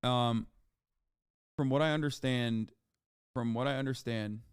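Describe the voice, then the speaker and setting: A man's voice: mid-range voice, steady tone, a little slow, clear, resonant tone, dry recording, studio quality. A male streamer in a casual reaction stream, talking earnestly and swearing casually.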